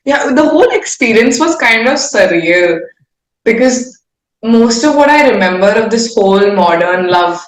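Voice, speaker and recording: Her voice sits a little high, with lively intonation and a measured pace. An Indian-accented singer-songwriter under interview, she rambles in a casual, candid, self-aware way, captured with roomy echo.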